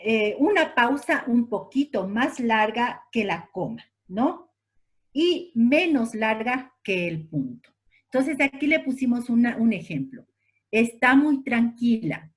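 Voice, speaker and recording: An Ecuadorian woman teaching a class, speaking slowly and with emphasis. Her voice sits fairly high and moves up and down a lot. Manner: slow, emphatic, repeats points and asks "¿ya?". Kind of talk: online class lecture.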